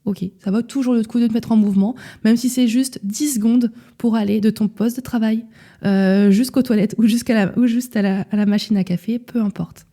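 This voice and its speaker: A young woman hosting a nutrition podcast, talking casually and directly to the listener and often checking in with a quick question. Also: on the high side, fairly even intonation, mellow. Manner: casual, direct, addresses listener as tu, frequent "d'accord?". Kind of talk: solo podcast talk.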